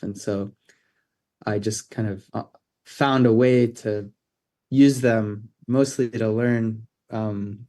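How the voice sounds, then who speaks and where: A man's voice: fairly low pitch, warm tone. A man in his thirties from California, answering interview questions about his career in a casual, hesitant way with many ums and restarts. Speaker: interview guest, optics researcher.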